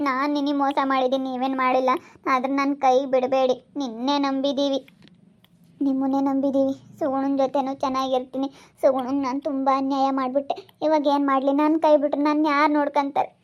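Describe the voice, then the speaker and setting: A high, flat-toned young woman, voiced by an actress, begs and repeats herself. She speaks with a steady, narrow pitch, and the home-made drama recording sounds dull and lo-fi. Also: lightly acted. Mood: bitter. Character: distressed young woman pleading to be trusted.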